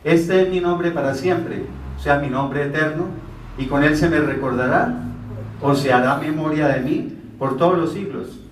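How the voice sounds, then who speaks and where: A man's voice: on the high side, normal speed, slight background noise. A man teaching the Bible as a preacher, explaining verses step by step and answering his own rhetorical questions. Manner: poses rhetorical questions and answers them himself. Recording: roomy, from a distance.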